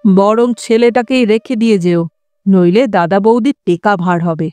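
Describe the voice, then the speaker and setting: A sardonic young husband played by a woman narrator in a storybook reading, speaking at a middle pitch in a smooth, crisp, dry voice. He stays cool and unbothered, dropping teasing lines as if nothing could rattle him. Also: normal speed, mellow, no echo, natural voice. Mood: dry mocking. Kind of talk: audiobook character voice.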